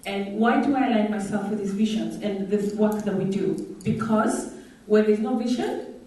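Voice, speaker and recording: A woman's voice: medium pitch, normal speed, dark tone. Kenyan woman speaking in an echoey hall. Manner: engaging, asks the audience questions. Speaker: conference speaker. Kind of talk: conference talk. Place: large conference hall. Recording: echoey hall, distant mic.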